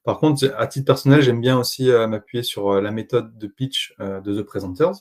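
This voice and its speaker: A man's voice: medium pitch, fairly even intonation, normal speed, darkish tone. A man co-hosting a webinar, sharing his experience modestly in casual, hesitant speech. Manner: modest, conversational, hesitant fillers. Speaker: webinar co-host.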